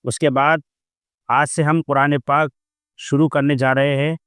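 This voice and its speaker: A man teaching a Quran lesson, explaining each word plainly and then reciting it slowly with long drawn-out sounds. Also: a little high, flat delivery, fairly bright tone, smooth, dry recording, clean studio sound.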